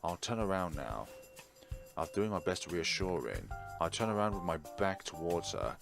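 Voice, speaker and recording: Reading a game's story aloud, a male host performs the dialogue and adds remarks of his own in a low, creaky, sing-song voice at normal speed. Game music runs loudly behind the recording.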